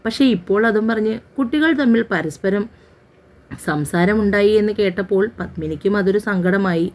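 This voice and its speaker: A woman narrating a romance novel as an audiobook in a steady, unhurried storytelling manner. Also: mid-range voice.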